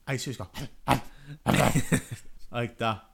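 A young man telling a story in casual chat, animated and laughing often, acting out what other people said. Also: medium pitch, normal speed, heavy background noise.

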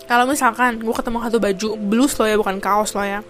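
A woman's voice: a little high, fairly even intonation, quick pace, slight background noise. A young woman from Indonesia, chatting casually to camera, full of fillers and bits of English. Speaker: vlogger.

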